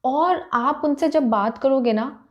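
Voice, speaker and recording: A woman vlogger from India in her thirties chats casually to camera in a Hindi-English mix, using lots of fillers and speaking with an Indian accent. Her voice sits high and moves slowly, and the audio has its highs cut off.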